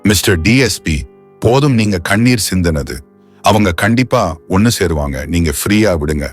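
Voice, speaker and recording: A man's voice: lowish voice, animated, moderate pace, soft background music. A man voicing a coaxing young woman. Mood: soothing. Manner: coaxing, gently scolding. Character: caring, teasing young woman.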